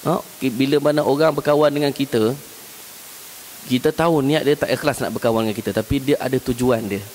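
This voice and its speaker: Malaysian Malay male preacher, mid pitch, storytelling lecture style, voice jumps up to stress points; faint hiss in a reverberant mosque hall. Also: a little fast, darkish tone. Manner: storytelling, acts out everyday scenes with chuckles; voice rises sharply when driving a point home. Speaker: religious teacher.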